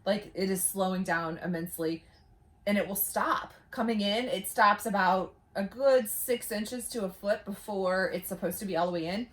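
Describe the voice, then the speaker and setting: A woman chats casually to the camera from inside a small camper trailer. She hosts in an informal, talkative way, with a voice of ordinary middle pitch for a woman. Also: moderate pace. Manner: chatty, laughs easily while talking. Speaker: vlog host.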